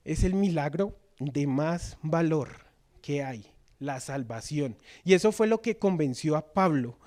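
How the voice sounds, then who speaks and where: A man preaching a sermon in church, reading scripture and putting questions to the congregation. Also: fairly high pitch. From Colombia. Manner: asks the congregation questions, reads scripture, shifts between loud and soft.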